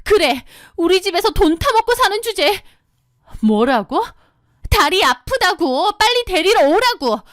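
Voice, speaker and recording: A woman's voice: very high-pitched, very animated, a little slow, a bit bright, no echo, clean studio sound, pitched above the performer's own voice, exaggerated voice. A woman voicing a spoiled, bratty young sister-in-law who talks in a whiny, demanding, rude way.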